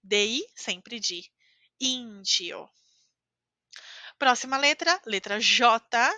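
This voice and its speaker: A woman's voice: a little high, animated, drawn-out words, pushed and bright, no room sound. A woman with a Brazilian Portuguese accent giving an online language lesson as a teacher. She speaks carefully and repeats example words for her learners. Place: living in Costa Rica.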